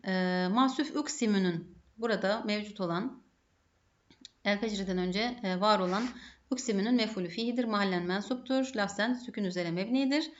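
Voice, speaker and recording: Teaching Arabic grammar at a moderate pace, a Turkish-accented woman works methodically, often putting a question to herself and then answering it. Her pitch is ordinary, and the sound is dull and lo-fi.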